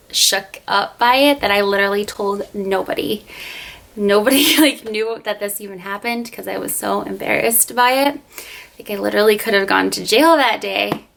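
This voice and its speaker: A young woman recounts a personal story for her vlog audience. She talks in a loose, chatty way with lots of fillers. Her voice sits at a middle pitch and carries a gravelly fry. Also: a bit bright. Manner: chatty, many fillers, retells scenes. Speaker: vlogger.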